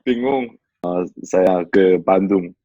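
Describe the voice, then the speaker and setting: A man in his twenties from South Korea, a native Korean speaker with a Korean accent, talking casually and haltingly in a second language as a guest. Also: low voice, no echo, phone-quality sound. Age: 20s. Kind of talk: casual discussion.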